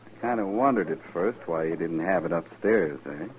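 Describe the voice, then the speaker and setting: Male actor for a shrewd, polite frontier lieutenant, deep register, muffled vintage radio drama. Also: normal speed, lightly acted. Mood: knowing. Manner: polite, laconic, knowing. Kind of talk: 1950s radio western acting. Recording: muffled, noisy old radio recording.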